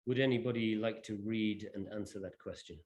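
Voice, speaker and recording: This man has a fairly low, darkish voice with fairly even intonation, and he speaks a little fast. He's giving an informal live demo of a digital library to an audience, explaining things hesitantly.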